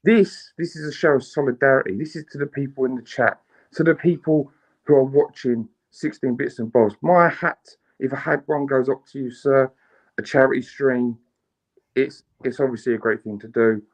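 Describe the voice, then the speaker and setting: A man's voice: mid-range voice, normal speed, rough recording. A man joining a live stream as a guest, bantering and making a playfully solemn speech of support. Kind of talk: joking banter.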